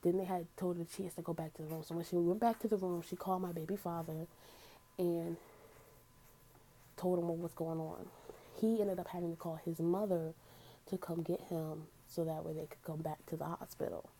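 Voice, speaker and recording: Candid young woman with a mellow voice. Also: on the low side, steady tone, brisk, slight background noise, low-quality recording. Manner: candid, earnest storytelling. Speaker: vlogger. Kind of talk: casual storytime vlog.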